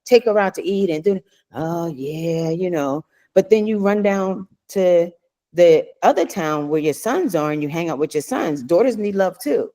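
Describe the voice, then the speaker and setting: A woman's voice: lowish voice, animated, measured pace, warm tone. Earnest, rambling middle-aged woman. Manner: earnest, rambling storytelling with many restarts. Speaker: co-host. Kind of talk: casual chat.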